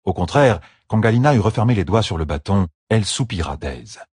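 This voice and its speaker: A man reading an audiobook novel aloud as narrator, in an expressive storytelling manner. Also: fairly low pitch, a little fast, breathy edge, dry recording, clean studio sound. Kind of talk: scripted narration.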